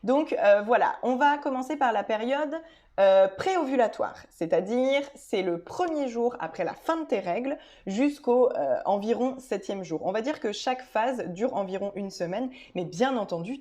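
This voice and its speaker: A woman's voice: medium pitch, lively intonation, moderate pace, warm tone. Chatty woman vlogging, full of hesitations. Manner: chatty, many filler hesitations and restarts; addresses viewers directly and informally. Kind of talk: casual explanatory video talk.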